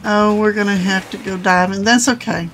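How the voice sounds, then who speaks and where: A woman's voice: medium pitch, steady tone, moderate pace, soft background music. An older woman hosting a gaming channel, chatting casually as she plays and talking to the characters. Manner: chatty, talks to game characters. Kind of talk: casual gameplay commentary.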